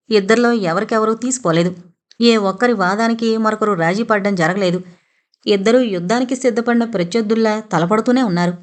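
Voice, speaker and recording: Woman, audio novel narration, steady, dramatic, mid-range voice. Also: medium pitch. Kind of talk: scripted storybook narration.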